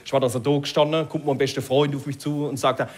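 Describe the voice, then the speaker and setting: A man's voice: mid-range voice, little pitch movement, fast talker. A male stand-up comedian with a Palatinate accent, chatting on stage and tagging sentences with gell. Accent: Palatinate German. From Palatinate, Germany. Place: live stage before an audience.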